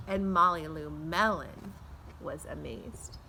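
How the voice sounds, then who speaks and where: A middle-aged American woman, a teacher, reads a children's picture book aloud to her pupils on a backyard patio, drawing out words expressively and adding asides for the young listeners. Her voice sits low and creaky with a sharp tone, and her pace is slow. The audio is poor, captured by a camera a few feet away, with faint outdoor noise in the background.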